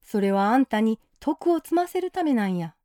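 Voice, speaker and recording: A woman's voice: a little high, big pitch swings, normal speed, dark tone, dry recording, studio quality. A woman voicing a stern old Kansai minister. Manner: firm, blunt Kansai-dialect speech. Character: stern, caring older church minister.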